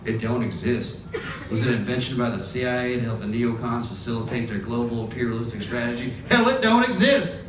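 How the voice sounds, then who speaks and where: A man's voice: mid-range voice, lively intonation, a little fast, slight background noise, natural voice. A man putting on a hollering Southern bro. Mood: rowdy. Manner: rowdy, hollering, slangy. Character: loud bro sports fan, thick Southern drawl. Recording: roomy club, far mic, loud crowd.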